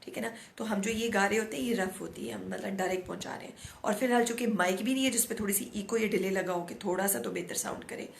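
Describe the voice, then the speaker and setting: A middle-aged woman host with a hoarse throat, talking outspokenly in a casual monologue and mixing in English words. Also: medium pitch, quick pace, hardly any pauses, a little hiss or hum. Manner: outspoken, animated, mixes English words into Urdu. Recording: echoey room, no proper mic.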